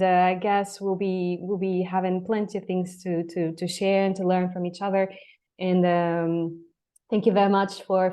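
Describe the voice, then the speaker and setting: A woman with a Tunisian North African accent, a native Arabic speaker, hosting an interview in a halting way, repeating words as she searches for phrasing. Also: mid-range voice, a little mellow. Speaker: podcast host. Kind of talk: interview conversation.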